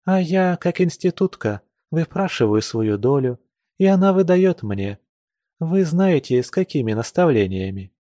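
A man's voice: on the high side, very animated, measured pace, dark tone, no room sound, studio quality, pitched above the performer's own voice. A man voicing a serene young noblewoman cousin. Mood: ironic. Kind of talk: audiobook reading of a classic novel.

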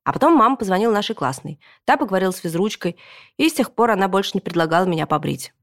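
A woman narrating a children's book in the first person as a boy, with lively storytelling. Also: medium pitch, rapid-fire. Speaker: audiobook narrator.

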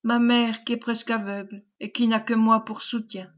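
A woman reading as a gentle young fisherman. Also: fairly high pitch, little pitch movement, moderate pace, highs cut off, close to an everyday voice. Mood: tender. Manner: soft and quiet, consoling. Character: gentle young male fisherman, calm before death.

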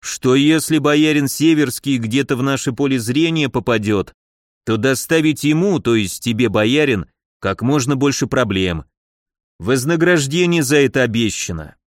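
A man voicing a stubborn middle-aged guard sergeant in an audiobook, talking in a slow, measured, insistent way. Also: mid-range voice, expressive, no echo, clean studio sound, close to an everyday voice. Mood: grudging.

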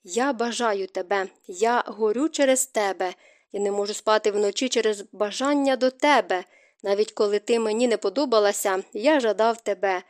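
A woman's voice: mid-range voice, normal speed, lightly acted. A woman voicing a passionate young nobleman in an audiobook romance, speaking in urgent, breathless tones. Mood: ardent.

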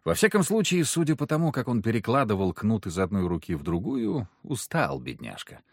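A man's voice: lowish voice, big pitch swings, brisk, no room sound, clean studio sound. A man reading a first-person adventure audiobook in a wry, sardonic storytelling manner. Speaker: audiobook narrator.

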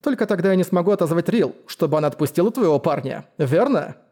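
A man's voice: fairly high pitch, expressive, fast, dark tone. A male narrator voicing a cold, commanding woman who rules her estate, with an icy, stern delivery.

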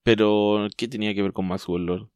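A Chilean man with a lowish, smooth, resonant voice hosts a casual podcast chat. He talks in a thoughtful, hesitant way, trailing off and restarting mid-thought. The sound is dry and close. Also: steady tone, moderate pace, a little mellow, dry recording. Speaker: podcast host.

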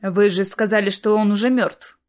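A woman's voice: medium pitch, fairly even intonation, normal speed, a little mellow, lightly acted. A woman voicing a weary, grumbling male otherworldly being who speaks plaintively and reluctantly.

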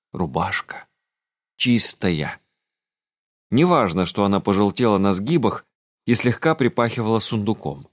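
A man reading a fantasy audiobook in a calm, measured narration. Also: on the low side, dry recording, clean studio sound. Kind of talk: scripted narration.

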